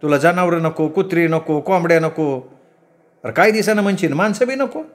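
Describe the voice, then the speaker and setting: A man's voice: a little high, normal speed, pitched above the performer's own voice, close to an everyday voice. A man voicing a strong-willed older village mother who scolds in rustic speech. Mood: reproachful.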